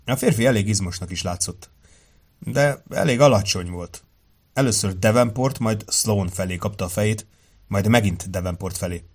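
Guy narrating a crime audiobook, lowish voice, steady, acts out the lines. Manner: measured, acts out the dialogue. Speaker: audiobook reader. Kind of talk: scripted narration of a crime novel.

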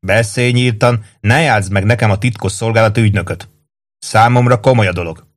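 A man's voice: fairly low pitch, lightly acted. A man reading the lines of a stubborn, wary male army deserter in a novel. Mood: insistent. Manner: insistent, defensive.

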